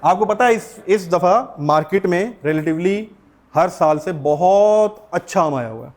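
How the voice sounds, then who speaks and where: A middle-aged Pakistani-accented man lectures a class in a high voice. He explains things step by step. He keeps stopping to put questions to his students. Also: lively intonation, unhurried. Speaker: teacher.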